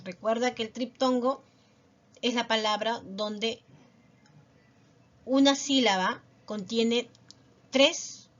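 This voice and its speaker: A woman teacher giving a recorded lesson, explaining slowly and patiently and checking in with little tag questions. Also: fairly high pitch. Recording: dull lo-fi voice recording.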